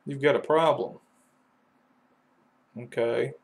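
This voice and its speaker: Kentucky man, HVAC tech, folksy explainer with fillers, mid-pitched voice. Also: fairly even intonation, takes it slowly, vocal fry. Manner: folksy, loose analogies with many fillers. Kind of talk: casual how-to explanation.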